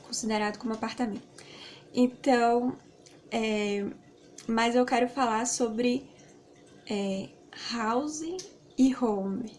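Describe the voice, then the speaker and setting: A Brazilian woman, Portuguese her first language, talks through a relaxed English lesson in a slightly high voice. She rambles, with many fillers and tag questions along the way. Faint background noise is heard behind her. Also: slow, pauses often. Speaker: English teacher.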